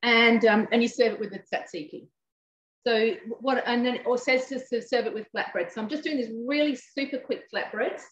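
A woman's voice: fairly high pitch, normal speed, a bit bright. A woman chatting as she runs a live cooking demonstration in a kitchen, talking while she works. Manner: chatty, talks while working. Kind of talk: live cooking demo chat. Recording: roomy, dull sound from a distance.

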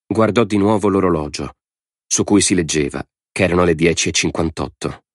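A man narrating an audiobook in a measured, dramatic way. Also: low voice, no echo, studio quality. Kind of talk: scripted narration.

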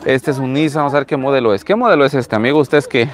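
A man's voice: mid-range voice, racing. A man in his thirties with a Latin American Spanish accent, hosting a casual live vlog in a chatty, repetitive way, talking outdoors into a handheld phone. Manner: chatty, repeats phrases. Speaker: live-stream host. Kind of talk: casual live vlog commentary, showing used cars. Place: outdoors in an open car lot. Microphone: handheld phone at arm's length.

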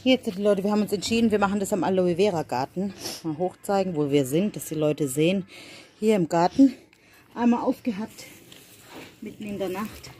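Her medium-pitched, warm voice moves at a moderate pace as she gardens at night and chats with viewers. It's a casual family vlog by a mother, with slight hiss or hum in the recording.

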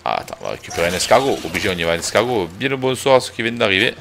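A man's voice: on the low side, very animated, rapid-fire, vocal fry, over music. A man streaming a video game live, chatting casually, swearing now and then and greeting viewers as he plays. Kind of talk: casual live gameplay commentary.

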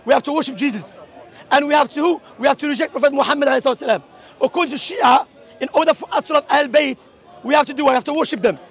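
A man from Algeria preaching in a street debate, talking forcefully and mixing English with Arabic quotations. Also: very high-pitched, very fast. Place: outdoors at a public speaking corner.

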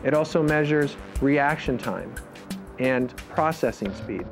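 A man of middle pitch explains concussion testing to a listener, patient and clear. Music runs beneath his voice. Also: lively intonation, unhurried. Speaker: athletic trainer giving concussion tests. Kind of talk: interview and explaining results.

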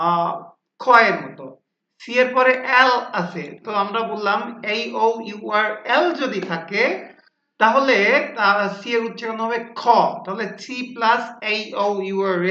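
A woman teaching phonics in a classroom style, explaining slowly and repeating rules with fillers. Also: on the high side, pushed and bright. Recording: dull lo-fi sound in an echoey room.

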